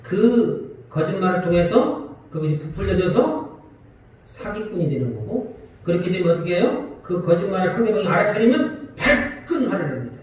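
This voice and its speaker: Recorded from far off in an echoey church sanctuary with a little hiss or hum, a high-pitched man preaches a Sunday sermon at normal speed. As pastor he is lively, questioning the congregation and acting out quarrels.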